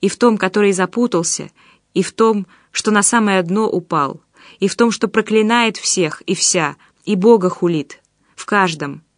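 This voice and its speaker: A woman voicing Danila, a calm and compassionate man who speaks earnestly, in an audiobook. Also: mid-range voice, normal speed, no echo, studio quality, lightly acted. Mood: insistent. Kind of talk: audiobook character voice.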